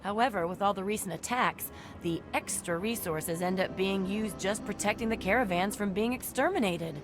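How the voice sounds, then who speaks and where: A woman playing a skeptical caravan guard in a video game. She has a medium-pitched voice and explains in a dry, measured way, with music behind her. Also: close to an everyday voice. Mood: wry. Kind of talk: video game character dialogue.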